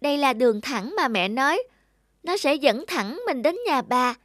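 A woman's voice: high-pitched, animated, normal speed, background noise. A woman voicing a sweet, naive little girl in a children's fairy-tale cartoon, polite and childlike. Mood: carefree. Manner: bright-eyed, polite, childlike. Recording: music under the voice.

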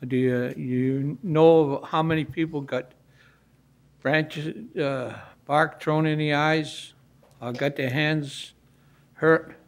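A man's voice: a little high, steady tone, slow pace. A man speaking as an alderman in council debate, asking questions in a folksy, plain-spoken way.

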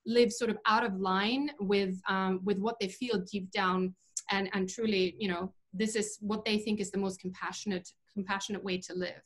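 A woman's voice: mid-range voice, fairly even intonation, normal speed. A woman in her forties talks as an interview guest over a video call from home. She speaks thoughtfully, circling back with fillers and restarts as she explains her views. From Norway. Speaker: guest, vegan chef. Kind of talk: casual interview talk. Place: home room indoors.

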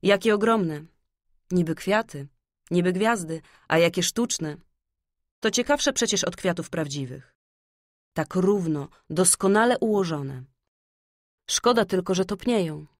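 A woman's voice: fairly low pitch, expressive, measured pace, long pauses, no room sound, studio quality. A woman voicing a spiteful young boy with a cold heart, talking in a mocking, contemptuous way in a storybook reading. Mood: fascinated.

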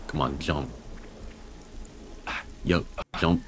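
Deep-voiced young man chatting over gameplay. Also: steady tone, drawn-out words, slight background noise. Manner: rambling self-talk, swears casually. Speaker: gaming video creator. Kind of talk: casual let's-play commentary.

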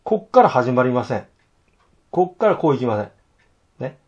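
A hoarse man teaching fountain pen illustration, talking to himself in halting asides as he draws. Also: mid-range voice, sing-song, darkish tone, muffled recording. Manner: talks to himself while drawing, halting, murmured asides. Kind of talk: casual drawing tutorial.

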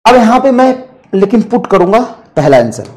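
Blunt, scolding high-voiced male teacher. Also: sing-song, moderate pace, darkish tone. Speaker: online physics teacher. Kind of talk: online lecture.

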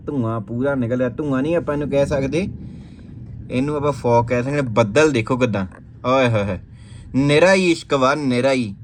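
A man's voice: medium pitch, slight background noise. A man with an Indian Punjabi accent giving casual travel vlog narration, greeting and chatting to viewers. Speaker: travel vlogger. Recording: faint background ambience.

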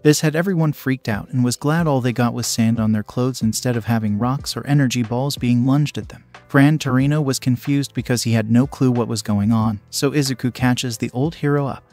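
A man narrating a fan fiction story in an even, steady storytelling voice. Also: mid-range voice, a little fast, hardly any pauses, soft background music.

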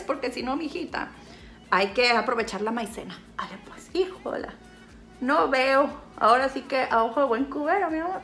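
Gravelly, bright-voiced Sinaloan woman vlogger. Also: fairly high pitch, a little hiss or hum. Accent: Mexican Spanish (Sinaloa). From Sinaloa, Mexico. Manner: playful, teasing, self-mocking, talks to an off-camera helper. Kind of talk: casual makeup tutorial chat.

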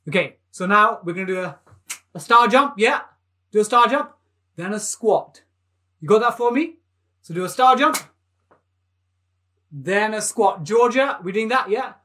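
A man in his thirties leads a live maths lesson for young children. He talks with bright enthusiasm, coaxing the kids to clap and jump along. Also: high-pitched, lively intonation, measured pace, pauses often. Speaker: maths teacher hosting a live online lesson.

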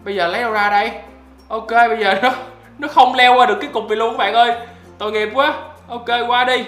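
A man doing excitable gameplay commentary as a YouTuber, often breaking into loud exclamations. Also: very high voice, quick pace, reverberant, soft background music. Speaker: gaming YouTuber.

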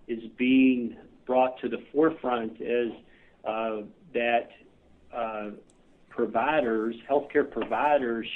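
Midwestern American man, phone-line guest, earnest, halting with fillers. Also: mid-range voice. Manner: earnest, many filler uhs. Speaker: clinic CEO guest. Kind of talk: podcast interview answers.

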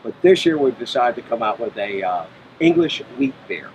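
A man's voice: medium pitch, very animated, moderate pace, noisy background. A middle-aged man, a brewery owner being interviewed, explaining in a matter-of-fact way on an outdoor patio. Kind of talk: casual interview. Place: outdoor patio by a brick wall.

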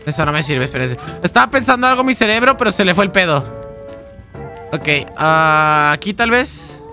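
A man's voice: high voice, lively intonation, moderate pace, bright, forceful tone, soft background music. A young man with a Mexican Spanish accent, casually thinking aloud and chatting while streaming a game. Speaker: gaming streamer. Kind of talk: casual live-stream commentary.

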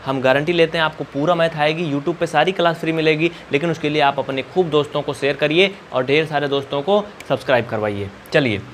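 An Indian math teacher explains coordinates at a whiteboard in a colloquial, coaxing manner, posing questions and answering them himself. His slightly high voice is brisk with few pauses, and there is slight background noise.

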